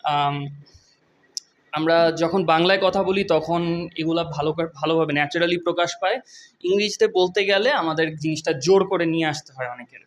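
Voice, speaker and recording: A young man from Bangladesh giving a casual video lesson on an English exam. He explains in a relaxed way and slows down to read English passages carefully. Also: fairly high pitch, a little hiss or hum. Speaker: IELTS teacher.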